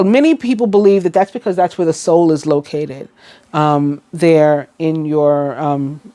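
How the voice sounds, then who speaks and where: A woman with a New York accent reads tarot cards in a loose, chatty way, often pausing on fillers and restarting her sentences. Her voice sits a little low for a woman. She talks straight to her viewers as she goes. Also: warm tone. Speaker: tarot reader. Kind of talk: casual tarot reading.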